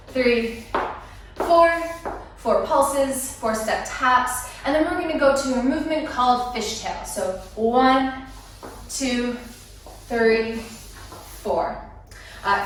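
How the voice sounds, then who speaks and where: A woman walks through a dance routine, counting beats aloud in a playful, high voice. She stands well away from the camera mic. The room around her rings with heavy echo. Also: noisy background. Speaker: dance instructor. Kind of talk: dance lesson walkthrough. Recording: echoey room, mic far off.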